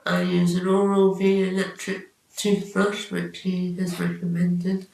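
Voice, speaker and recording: A woman offers a patient's personal account at an unhurried pace. Her voice has marked fry. She is off the mic in a strongly echoing room. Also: on the low side, completely flat delivery, a little mellow. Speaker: patient sharing treatment experience. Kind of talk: personal testimony. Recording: very echoey room, distant mic.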